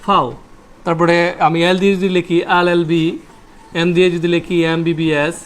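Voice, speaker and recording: A man's voice: fairly high pitch, little pitch movement, a little fast. A man teaching English grammar at a whiteboard, repeating key points and quizzing his students with rhetorical questions.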